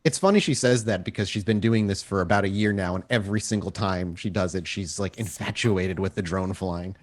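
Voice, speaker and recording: Haltingly improvising descriptive narration, a man with a low-sitting voice acts as storyteller for a tabletop roleplaying game.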